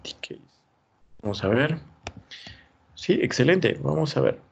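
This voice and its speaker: A man's voice: mid-range voice, animated, measured pace, vocal fry, slightly rough. A man teaching an online class, thinking aloud and encouraging as he reviews students' work. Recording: dull lo-fi sound.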